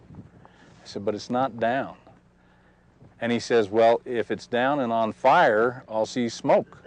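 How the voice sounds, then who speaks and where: On poor audio, a man with a medium-pitched voice speaks slowly as he shares an earnest testimony of his faith. He's outdoors on a ridge at a historic site, performing the dialogue as he recounts it.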